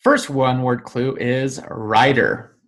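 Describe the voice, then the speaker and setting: A playful podcast host runs the chat in a middle-pitched voice and teases the guest. They often switch into a quiz-show announcer's manner. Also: fairly even intonation, slow pace, a bit bright. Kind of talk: casual interview hosting.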